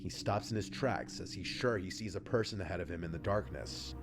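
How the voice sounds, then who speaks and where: Low-voiced man narrating eerie videos. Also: brisk, over music. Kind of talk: scripted documentary-like narration of scary videos.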